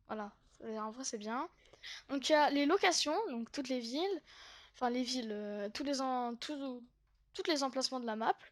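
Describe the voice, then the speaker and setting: A woman's voice: high voice, normal speed. A woman YouTuber giving casual gameplay commentary, chatty and hesitant, with many fillers and giggles. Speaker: gaming YouTuber.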